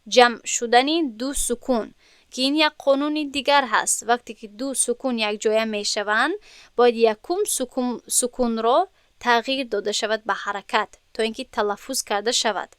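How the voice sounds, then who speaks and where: A woman with a Tajik-influenced Persian accent teaches an Arabic grammar lesson and works through each example step by step. Her voice is bright and crisp and sits a little high. She often stops to ask her students whether they have understood. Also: dry recording, studio quality. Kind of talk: classroom lesson explanation.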